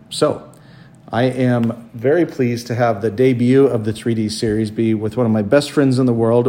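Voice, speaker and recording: A man hosting a conversational podcast interview at home, feeling his way through sentences in a halting manner. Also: mid-range voice, dark tone. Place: home dining room.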